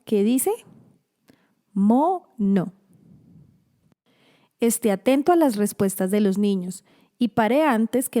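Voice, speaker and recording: Slow, mellow woman narrating a lesson. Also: fairly high pitch. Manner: slow, careful, stretching example words. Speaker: narrator of an educational video for teachers and parents. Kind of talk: scripted instructional narration.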